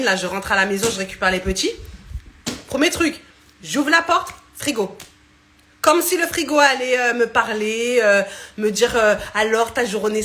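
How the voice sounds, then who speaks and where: A woman's voice: medium pitch, pushed and bright, slight background noise. A woman in her thirties, chatting casually on a live stream from her phone at home, laughing often and restarting her sentences. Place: indoors at home next to a fan. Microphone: phone camera.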